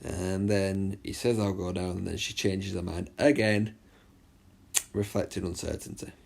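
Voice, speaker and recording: A man teaching an exam revision lesson in a chatty way, often checking understanding and reading the extract aloud slowly. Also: deep voice, fairly even intonation, creaky, a little mellow. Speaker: English literature teacher.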